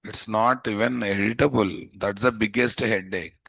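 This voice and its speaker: A man with a Telugu Indian accent teaching a live software class, informally thinking aloud and repeatedly putting questions to students. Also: on the low side, fairly even intonation, normal speed, creaky, slightly rough, no room sound. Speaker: programming instructor.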